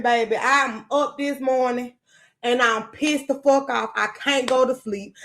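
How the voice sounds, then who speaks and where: A high-voiced woman rants on a livestream, angry and profane after a sleepless night. She curses freely and keeps breaking off to greet viewers by name. Her delivery is raw and heated. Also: fairly bright tone. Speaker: podcast host on a livestream. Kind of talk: unscripted livestream rant.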